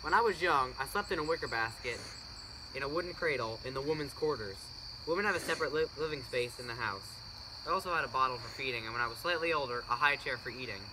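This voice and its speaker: A man's voice: mid-range voice, lively intonation, fast, lightly acted. A teenage boy acting as a cocky, teasing Athenian boy talking about his childhood in a school project drama. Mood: telling. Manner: teasing, blunt. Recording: noisy outdoor recording with crickets.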